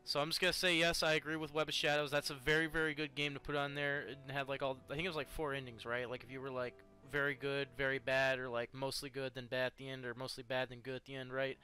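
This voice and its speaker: A man's voice: medium pitch, flat delivery, quick pace, hardly any pauses, sharp tone, clear, resonant tone, faint music behind. A man co-hosting a casual gaming chat, emphatic and playful. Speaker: co-host.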